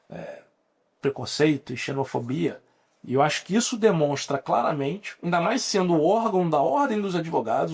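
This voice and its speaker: A fairly high, somewhat mellow voice with a breathy edge comes from a Brazilian man in his forties, a lawyer on a podcast. With a Brazilian Portuguese accent, he gives drawn-out explanations, frequently breaking off and beginning again.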